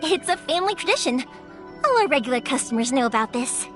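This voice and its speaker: An actress playing a kind, cheerful young fireworks maker in a video game, speaking in a chatty, casual way. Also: female voice, high-pitched, sing-song, quick pace, music in the background. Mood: warm, proud. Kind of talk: English video game voice acting.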